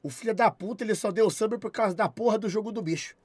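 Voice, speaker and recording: A young man with a Brazilian accent, chatting on a live stream, loud and profane, shouting thanks at his chat. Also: high-pitched, fast, breathy edge, no echo. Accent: Brazilian Portuguese.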